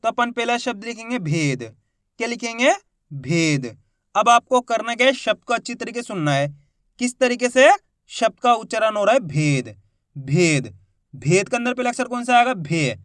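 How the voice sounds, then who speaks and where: A man's voice: high voice, big pitch swings, normal speed, fairly bright tone, no echo, studio quality. A man teaching Hindi reading. He sounds out each syllable, then blends them into a word, and asks questions he answers himself.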